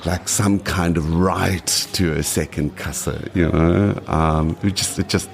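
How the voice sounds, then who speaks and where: Low-pitched and creaky, this man's voice keeps a fairly even intonation and takes its time. He's a South African guest in his late forties with a matching accent, chatting in a casual interview and often rambling and starting over.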